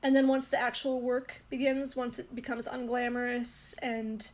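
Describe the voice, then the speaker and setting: A woman's voice: a little high, completely flat delivery, normal speed, a little mellow. A woman speaking earnestly and emphatically in casual personal commentary. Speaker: content creator.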